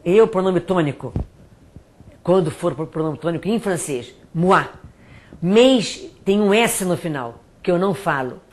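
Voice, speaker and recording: A middle-aged woman from Brazil, a French teacher and author, giving pronunciation tips and repeating words slowly to demonstrate them. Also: fairly low pitch, darkish tone. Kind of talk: spoken language tips to students.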